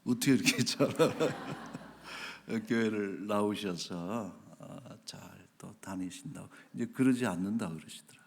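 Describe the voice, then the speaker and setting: A man preaching as a pastor, telling a church story with animated delivery. His voice jumps up for quoted lines and sinks to near whispers, and he laughs as he goes. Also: on the low side, a little slow, gravelly. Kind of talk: sermon.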